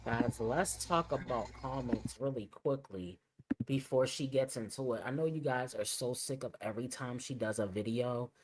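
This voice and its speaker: A woman's voice: very deep voice, normal speed, a little hiss or hum, poor audio. A woman hosting a casual reaction commentary, chatty and opinionated, muttering asides as she sets up clips. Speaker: commentary channel host.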